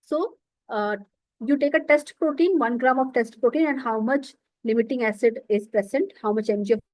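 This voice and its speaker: A high-pitched woman lectures over a computer mic on a video call. She explains patiently, repeating key terms and checking in often. The sound is dry and close. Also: moderate pace, a little mellow, dry recording, poor audio. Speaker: nutrition lecturer. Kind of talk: online lecture.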